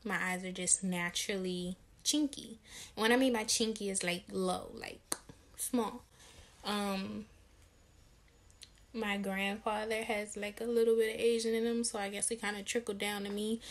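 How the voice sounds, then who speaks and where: A woman's voice: mid-range voice, steady tone, unhurried. A young woman in her twenties from Maryland, chatting candidly and a bit tiredly in a casual Q&A vlog, with a slangy, easygoing way of talking. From Maryland, USA. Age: 20s. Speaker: vlogger and lash business owner.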